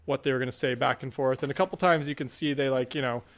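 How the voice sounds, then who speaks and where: A man's voice: mid-range voice, fairly even intonation, fast. A man co-hosting a podcast in casual chat, easygoing, laughing often and rambling with fillers. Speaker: podcast co-host.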